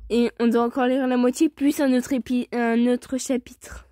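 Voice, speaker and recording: A woman's voice: a little high, level tone, normal speed, dark tone, dry recording, clean studio sound. A woman casually reading a fan story aloud, stumbling over words, correcting herself and mocking her own reading. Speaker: fan fiction reader.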